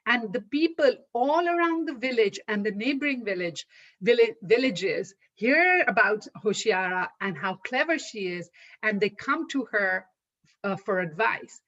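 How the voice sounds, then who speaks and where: A woman telling a folktale aloud in an unhurried way, with small restarts. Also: fairly high pitch, lively intonation, fairly bright tone. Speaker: storyteller. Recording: dull lo-fi recording.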